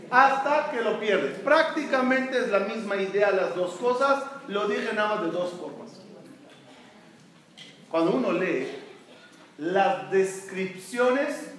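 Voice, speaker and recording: A man's voice: high-pitched, a bit bright. A man from Israel, a rabbi giving a talk, who asks his listeners questions and answers them himself. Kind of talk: Torah talk to an audience. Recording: echoey room, distant mic, faint noise.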